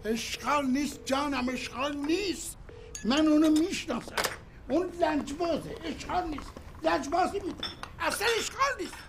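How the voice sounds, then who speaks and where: A man's voice: very high-pitched, lively intonation, gravelly, over music, full character voice. An actor playing an older man, a hotel guest who complains emphatically about his stubborn wife. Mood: exasperated.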